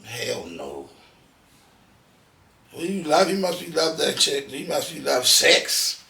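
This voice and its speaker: Man, podcast guest, blunt profane storyteller, bright tense voice, echoey room, off-mic. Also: a little high, big pitch swings, slow, vocal fry, distant mic. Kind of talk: casual interview chat.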